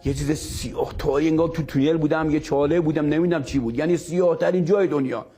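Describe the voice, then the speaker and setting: A man's voice: a little high, fairly even intonation, mellow, soft background music. A man telling a dramatic story emphatically, often repeating his phrases. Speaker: storyteller guest. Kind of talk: animated storytelling.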